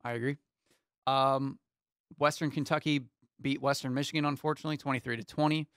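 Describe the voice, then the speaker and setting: This young man in his twenties speaks briskly in a clean, medium-pitched voice while co-hosting a casual sports talk show. He runs down game scores steadily, with many ums. The dry recording was made in a small studio with foam panels, on a studio mic on an arm, with headphones.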